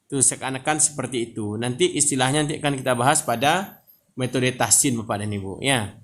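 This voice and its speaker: A man teaching Quran reading, patiently explaining and drawing out example words very slowly. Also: medium pitch, fairly bright tone. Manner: patient, repeats "Bapak dan Ibu, ya" often.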